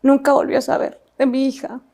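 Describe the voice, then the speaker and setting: A woman recounts her own story as a personal testimony. Her voice sits a little high, with a gravelly fry running through it. She speaks haltingly and reflectively, often pausing and restarting her sentences. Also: completely flat delivery, mellow.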